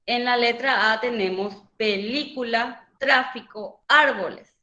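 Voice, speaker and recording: A woman teacher speaks slowly and patiently, her fairly high voice bright and clear. She walks her students through a grammar lesson and checks each answer with questions. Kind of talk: online Spanish grammar lesson.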